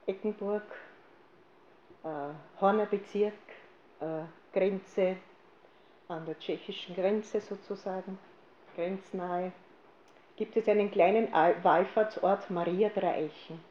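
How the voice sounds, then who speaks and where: A woman's voice: mid-range voice, slow pace, long pauses, dull audio, a little hiss or hum. Austrian woman telling her story in an echoey room. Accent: Austrian German. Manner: lively storyteller who acts out her own past lines. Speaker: speaker giving a testimony. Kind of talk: personal faith testimony to an audience.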